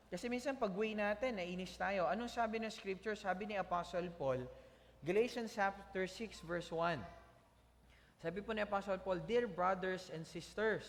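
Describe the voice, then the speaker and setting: A man preaching a sermon as pastor, animated and calling out to the congregation for amens. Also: sits high, long reverb tail.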